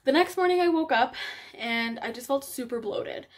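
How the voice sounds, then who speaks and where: A woman vlogger recounting a hard personal story, halting and emotional with many fillers and restarts. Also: high-pitched, animated. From Africa.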